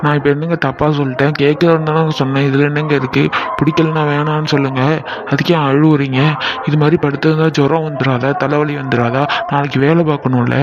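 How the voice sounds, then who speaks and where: Rich young son, voiced by a man, fast, insistent, dull lo-fi cartoon track with music. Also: fairly high pitch, level tone, noisy background, natural voice. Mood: coaxing. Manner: insistent, coaxing.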